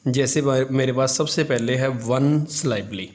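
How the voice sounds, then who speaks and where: A man teaching an English grammar lesson in Hindi, explaining step by step, asking and answering his own questions, and drawing out English terms slowly as he dictates. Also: medium pitch.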